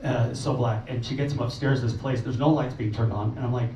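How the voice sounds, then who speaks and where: A man recounting his relief trip at a meeting, emotional and halting, with many restarts. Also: mid-range voice, steady tone, warm tone. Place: meeting room. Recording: roomy, distant, muffled, faint noise.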